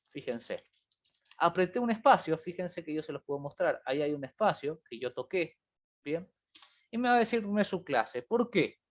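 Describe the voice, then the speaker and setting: A man teaching a programming class over a video call, his pitch rising and falling a lot as he talks. The audio is muffled and lo-fi. He explains patiently and keeps checking that students follow. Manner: explanatory, repeats "fíjense" and "¿bien?". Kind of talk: online review class.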